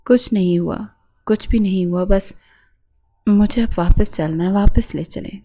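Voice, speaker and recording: A woman's voice: medium pitch, dark tone, natural voice. A woman reading the lines of a tender, heartbroken young heroine in earnest, pleading tones.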